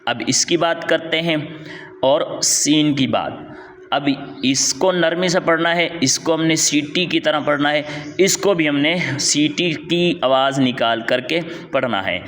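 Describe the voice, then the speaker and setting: A man teaching Quran letter reading, drawing out each syllable in a slow chant, then explaining quickly and repeating sounds patiently. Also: a little high, fairly bright tone, big-room sound. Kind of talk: step-by-step recitation lesson.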